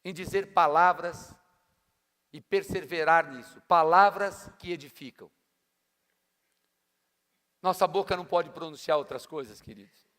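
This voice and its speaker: Paulista pastor preaching, high voice, loud and slangy, big hall echo. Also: male voice, unhurried, pauses often. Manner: emphatic and colloquial, slangy asides to the congregation. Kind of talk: sermon. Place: church hall. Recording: long church-hall reverb.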